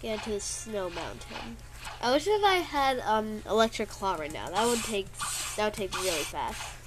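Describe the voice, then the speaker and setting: The recording is low quality, capturing a woman's mid-range, congested voice with big pitch swings at a moderate pace. She's a gameplay video creator giving casual, rambling commentary and playfully complaining when hit, against loud game music.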